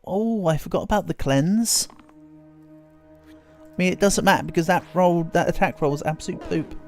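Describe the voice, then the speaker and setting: Soft music plays behind a man whose high voice moves at a moderate pace as he streams a video game. Sounding somewhat stuffed up from a developing cold, he chats and rambles, often poking fun at himself.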